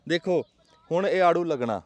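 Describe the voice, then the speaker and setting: A man's voice: on the high side, lively intonation, normal speed, a little mellow, no echo. A man with a Pakistani Punjabi accent hosting a casual vlog in an emphatic, rhetorical, folksy storytelling way. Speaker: vlog host. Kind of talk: casual outdoor vlog talk.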